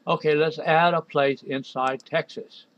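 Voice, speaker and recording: A man narrating a screen-recorded software walkthrough, talking to himself in an exasperated way as he clicks around. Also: a little high, steady tone, unhurried, no echo, highs cut off. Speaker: software developer reviewing a program.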